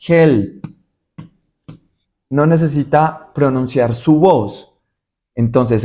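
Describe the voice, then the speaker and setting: A male English teacher explaining pronunciation in Spanish. He takes his time, drawing out each point and repeating sounds slowly so learners can follow. His voice sits in an ordinary middle pitch. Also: a little mellow. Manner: patient, slow, demonstrative explanation with repeated example words. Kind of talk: Spanish-language English lesson.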